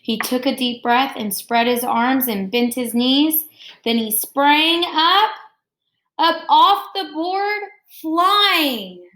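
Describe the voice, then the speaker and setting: For a children's read-aloud lesson, this elementary teacher uses a high, bright voice with a forceful edge. She reads slowly and explains the story one step at a time.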